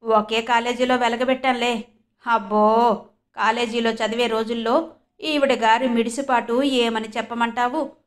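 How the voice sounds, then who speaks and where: A scornful, sharp-tongued young woman, as a storyteller puts her on spits out her taunts in a bright, high register. Every line comes out louder and higher than the plain narration around it. It reads as a storybook character acted with open contempt. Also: fairly even intonation, measured pace, lightly acted. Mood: mocking. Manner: mocking, scornful.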